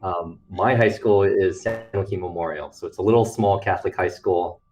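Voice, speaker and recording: A man from California, a guest on a video call from his office, speaking in a measured way with many pauses. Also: low voice, a little mellow, soft background music. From Fresno, California. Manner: measured, many ums and you knows. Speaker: interview guest, hospital president. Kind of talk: casual interview.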